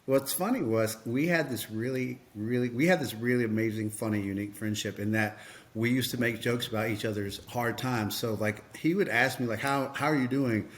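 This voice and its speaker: A man's voice: mid-range voice, brisk. A man, a podcast guest and coach, tells a personal story earnestly, with lots of fillers and restarts.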